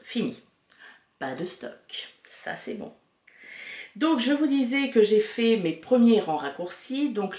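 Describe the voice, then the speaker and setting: A woman's voice: medium pitch, darkish tone. A woman in her thirties hosting a knitting video podcast at home, chatting casually to camera and rambling with many fillers and restarts. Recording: echoey home room.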